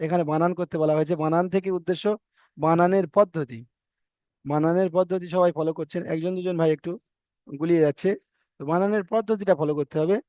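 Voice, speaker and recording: A man's voice: high voice, fairly even intonation, fast talker, darkish tone, smooth, no room sound. A man teaching Quran reading in an online class, patiently repeating rules and correcting his students. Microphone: video call. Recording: dull dry online call audio.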